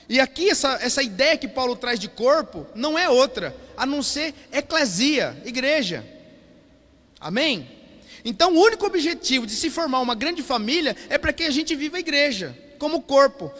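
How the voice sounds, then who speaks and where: In a large church hall, a Brazilian man preaches as pastor with a Brazilian Portuguese accent, repeatedly calling "Amém?" to the congregation in call-and-response style. His voice is very high with a fairly bright tone.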